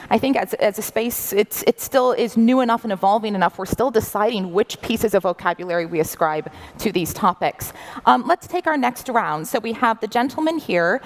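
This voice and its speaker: Brisk woman moderating a panel. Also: medium pitch.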